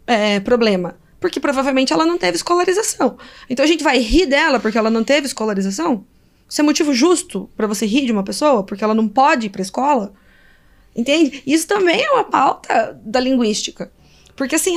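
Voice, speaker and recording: High-voiced Brazilian woman, animated. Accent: Brazilian Portuguese. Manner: animated, poses rhetorical questions, many fillers. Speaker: linguist guest. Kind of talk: conversational interview answers.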